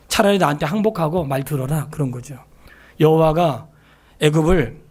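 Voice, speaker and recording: A man preaching a sermon in a church, acting out quoted voices and swinging between loud exclamations and hushed asides. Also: fairly high pitch. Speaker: pastor. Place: church sanctuary.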